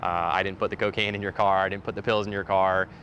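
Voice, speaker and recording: Male deputy, lowish voice, matter-of-fact interview narration, faint noise behind. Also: monotone, fast, fairly bright tone, lo-fi sound. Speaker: police deputy. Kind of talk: interview narration recounting an incident.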